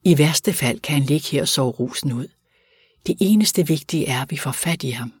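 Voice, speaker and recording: A man's voice: fairly high pitch, breathy edge, no room sound, clean studio sound. A man reading as a grieving young slum sister. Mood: firm. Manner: tearful yet sharp.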